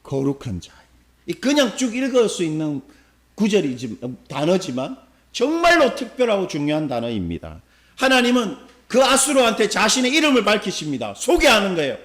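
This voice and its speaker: A man's voice: high-pitched, wildly swooping pitch, fairly bright tone. A male pastor preaching a Sunday sermon, often asking the congregation questions and answering them himself, and briefly acting out scolding lines. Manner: acts out scolding lines in quick bursts. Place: church sanctuary.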